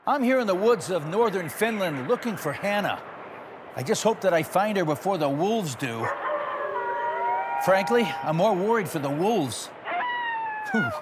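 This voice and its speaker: Lively high-voiced male host joking. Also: measured pace, long pauses, heavy background noise. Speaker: awards show host. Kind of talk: comedic scripted hosting.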